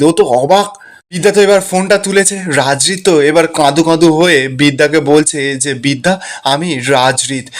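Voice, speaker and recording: উঁচু গলার পুরুষ কথক. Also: male voice, on the high side. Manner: plain storytelling, repeats "he says that". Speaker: serial recap narrator. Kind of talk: retelling a TV serial episode.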